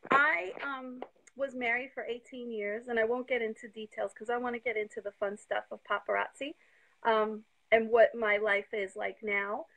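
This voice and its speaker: A woman's voice: on the high side, gravelly. A woman in her fifties, a guest on a live video interview, telling her story eagerly and sounding slightly out of breath on a phone call. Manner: eager, talks fast when excited.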